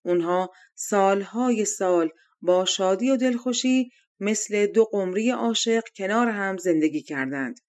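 A woman's voice: medium pitch, a little mellow. Woman reading fairy tales aloud. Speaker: audiobook narrator. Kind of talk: fairy-tale storytelling.

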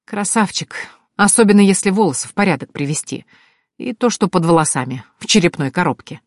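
A woman's voice: lowish voice, expressive, fairly quick, no room sound, studio quality. A woman narrating a first-person fantasy audiobook in a wry, ironic tone.

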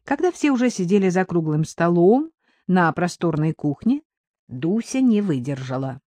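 A woman reading a novel aloud as narrator, with lively rising and falling intonation. The sound is close and dry, with no room around it. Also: fairly low pitch, normal speed, no room sound. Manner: clear storytelling. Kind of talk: audiobook reading.

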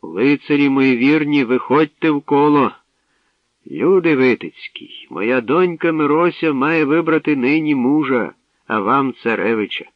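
A man voicing a loud, commanding old tsar with a booming manner. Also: unhurried, no echo, muffled recording, close to an everyday voice.

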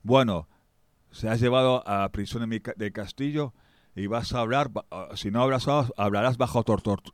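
A man's voice: fairly low pitch, no echo, studio quality, close to an everyday voice. A man voicing a stern, angry king who interrogates a would-be assassin with threats.

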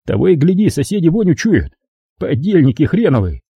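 A man's voice: fairly high pitch, sing-song, a little fast, breathy edge, no room sound, highs cut off, voice pushed up, heavily acted. A man voicing a snarling drunk gang leader. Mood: menacing. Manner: snarling, threatening, crude.

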